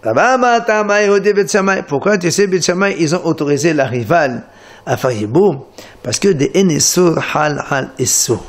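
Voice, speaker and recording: A man giving a Talmud lesson, explaining the text with animated delivery and frequent restarts. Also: fairly high pitch, normal speed. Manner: animated explanation, many restarts, Hebrew terms. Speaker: Talmud teacher. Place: Marseille study center.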